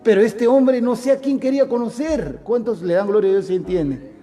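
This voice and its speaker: High-voiced pastor, soft music behind. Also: male voice. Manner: addresses listeners by name, asks many questions; slows down and drops to a soft voice for emphasis. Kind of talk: sermon.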